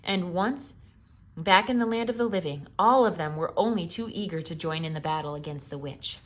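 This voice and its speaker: A woman with a lowish voice reads a children's storybook aloud theatrically, expressive and full of dramatic pauses.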